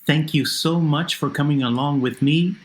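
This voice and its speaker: A man's voice: on the high side, moderate pace, faint music behind. A man narrating a video lesson as a Spanish teacher, posing questions to the learner and then patiently answering them himself.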